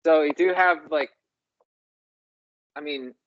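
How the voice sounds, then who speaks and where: Slow, musing language show host. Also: mid-range voice, dull audio. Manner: musing, says words aloud slowly to compare their sounds. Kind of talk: slow, exploratory discussion of word sounds.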